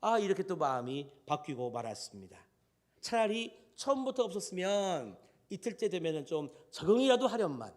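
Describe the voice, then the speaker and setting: Animated high-voiced male pastor preaching. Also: moderate pace. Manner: animated, addresses the congregation directly. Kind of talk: sermon.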